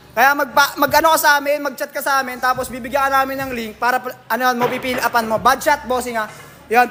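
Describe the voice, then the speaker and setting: A man's voice: very high voice, pushed and bright. A man with a Filipino accent hosting a casual livestream, reading out viewer comments in a jokey, teasing way and laughing often. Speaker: livestream host at a billiards hall.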